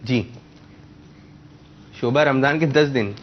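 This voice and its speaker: A man's voice: medium pitch, muffled recording, slight background noise. A man hosting a religious quiz show for children, patiently correcting and repeating their answers.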